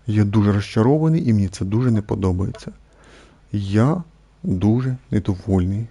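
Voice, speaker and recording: A young man casually commenting on a game he just played, complaining at length, repeating himself and filling pauses with hesitations. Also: lowish voice, mellow. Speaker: gameplay streamer.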